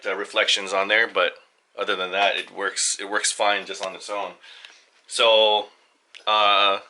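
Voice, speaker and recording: A father hosting a family video channel, casually showing off his home studio in a halting, rambling way with lots of fillers and restarts. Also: lowish voice, sharp tone. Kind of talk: casual studio tour vlog.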